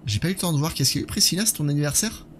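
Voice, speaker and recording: A man's voice: on the high side, animated, very fast, slight background noise. A man in his thirties giving casual live commentary on a horror game while chatting with his viewers. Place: indoor gaming setup.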